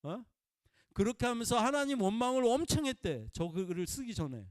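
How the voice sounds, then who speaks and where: A man preaching a conversational sermon in a folksy way, prompting listeners with "eh?" and swinging between loud emphatic bursts and quiet murmurs. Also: extremely high pitch, big pitch swings, fairly quick, no room sound, clean studio sound. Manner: folksy, peppers talk with prompting "eh?" to the congregation.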